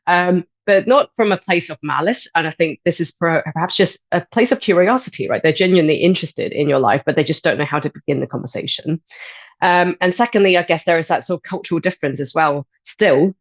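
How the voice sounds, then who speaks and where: A woman in her thirties from Hong Kong, a life and transition coach speaking as a podcast guest in a thoughtful, measured way with frequent pauses. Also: fairly low pitch, no echo, muffled recording. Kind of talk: podcast interview.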